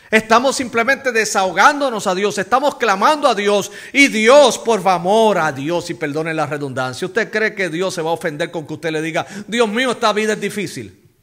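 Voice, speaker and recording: A male pastor preaching with a high, bright, ringing voice. He presses his points with emphatic stress and rhetorical questions to the congregation. Between those loud stresses he drops into hushed, low phrases. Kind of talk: sermon.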